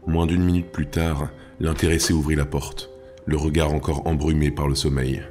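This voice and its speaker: A man narrating his own audiobook in a measured, storytelling manner. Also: rumbling low, flat delivery, a little mellow, soft background music.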